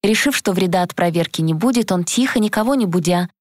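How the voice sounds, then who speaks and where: A woman narrating an audiobook in the first person, reading in a measured, expressive way. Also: on the low side, no echo, studio quality.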